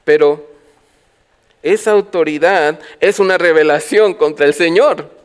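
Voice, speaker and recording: Pastor guy preaching, fairly high voice, lots of questions to the church, swings loud to soft. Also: a little slow, clean tone. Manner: preaching with rhetorical questions to the congregation; swings from loud calls to quiet low phrases. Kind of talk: sermon.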